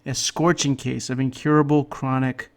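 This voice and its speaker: A man hosting a political commentary show, delivering mocking jokes in a sarcastic, deadpan way. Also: mid-range voice, moderate pace, vocal fry, slight background noise.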